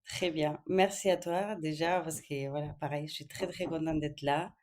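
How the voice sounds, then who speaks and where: Low-voiced woman guest, hesitant and candid. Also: fairly even intonation, normal speed, a little mellow. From Spain. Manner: hesitant, many fillers, thoughtful. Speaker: podcast guest. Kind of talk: casual interview.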